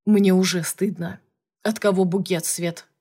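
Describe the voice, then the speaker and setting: A woman's voice: on the low side, fairly even intonation, measured pace, mellow, husky. A woman voicing a sarcastic male boss. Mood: subdued. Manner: curt, sarcastic, commanding. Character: brusque male boss, gruff and jealous. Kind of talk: audiobook character reading.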